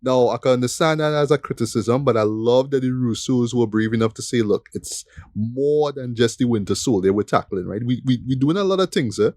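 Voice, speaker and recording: A man talks through a film scene by scene, excited and chatty, often checking in with a quick "right?". His voice sits in a middle register and sounds dry and close to the mic. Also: mid-range voice, dry recording. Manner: enthusiastic, frequent "right?" tag questions. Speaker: podcast co-host. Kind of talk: casual film review chat.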